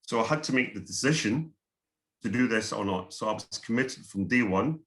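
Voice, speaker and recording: This clip has a low-ish, animated, slightly bright male voice going fairly quickly. The speaker is a middle-aged Scottish guest with a Scottish accent, earnestly presenting an online workshop over video call and often repeating his words.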